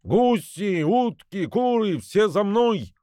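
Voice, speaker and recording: A man voicing a bossy, angry male gander who hisses and shouts orders, in a storybook reading. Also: fairly high pitch, wildly swooping pitch, very slow, dry recording, clean studio sound, voice pushed up, full character voice. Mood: shouting. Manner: hissing, shouting commands.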